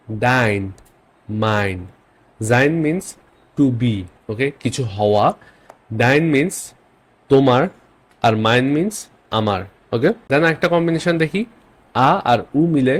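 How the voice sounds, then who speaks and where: Patient man teaching pronunciation. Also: medium pitch. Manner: patient, repeats each example word slowly and checks with "okay?". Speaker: German language teacher. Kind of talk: language lesson in Bengali.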